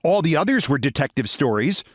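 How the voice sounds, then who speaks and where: A man's voice: on the high side, big pitch swings, a little fast, no echo, studio quality, pitched above the performer's own voice. A man reading a humorous short story, voicing a chatty, emphatic, opinionated woman. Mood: chatty, put out. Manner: emphatic, gossipy, matter-of-fact certainty. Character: opinionated, chatty American woman, avid detective-story fan.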